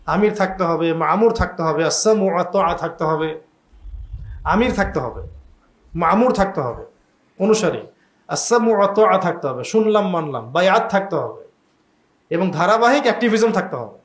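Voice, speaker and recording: A male preacher delivers a religious lecture in a voice pitched high for a man. He talks emphatically and rhetorically, piling up repeated phrases and reciting Arabic verses. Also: animated, normal speed, long pauses. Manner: emphatic, rhetorical, repeats points in long lists. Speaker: Islamic preacher.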